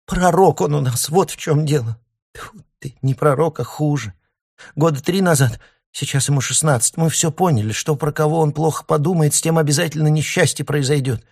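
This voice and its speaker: A man voicing a shrill, frantic middle-aged mother who shrieks her complaints, in a storybook reading. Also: a little fast, creaky, a little mellow, slightly rough. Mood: agitated.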